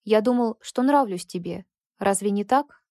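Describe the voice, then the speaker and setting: A woman's voice: medium pitch, normal speed, dark tone, no echo, studio quality, close to an everyday voice. A woman reading the lines of a kind, earnest young man who pleads from the heart in a storybook. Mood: hurt.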